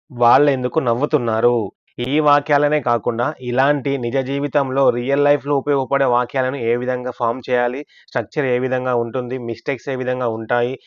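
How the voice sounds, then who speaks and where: A man's voice: mid-range voice, clean tone, no echo, muffled recording. Guy doing a grammar lesson voice-over, asks himself questions then answers, dry close mic. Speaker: English teacher. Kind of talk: scripted language lesson narration.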